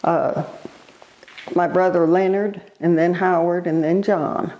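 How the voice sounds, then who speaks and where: An elderly woman reminisces in an interview in a halting, unhurried way, pausing as she recalls. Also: on the low side, steady tone, mellow, highs cut off. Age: elderly, born 1936. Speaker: oral history interviewee.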